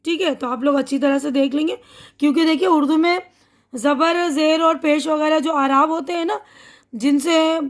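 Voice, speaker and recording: A woman teacher giving a slow, patient reading lesson to young children, sounding out syllables and repeating them. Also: sits high, steady tone. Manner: explains slowly, reads syllables aloud and repeats them.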